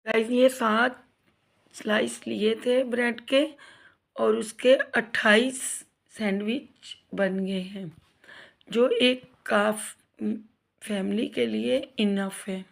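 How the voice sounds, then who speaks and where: Her voice sits on the high side, gravelly and steady, and she takes her time. Nursing a sore throat, this cooking channel host walks viewers through frying snacks in her home kitchen. She keeps it casual and friendly, addressing everyone as "guys" and asking for subscribes.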